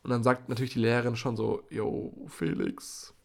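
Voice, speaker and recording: A man's voice: medium pitch, monotone, very fast, gravelly. A teenage boy co-hosting a casual podcast, rambling through school anecdotes with lots of fillers. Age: teens. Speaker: podcast co-host, school student.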